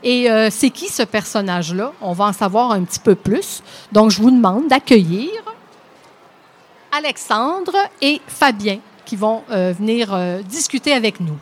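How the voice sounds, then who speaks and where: A woman, presenting comics to a group of children with lively hesitations. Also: a little high, unhurried. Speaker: workshop host for children. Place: library room with children.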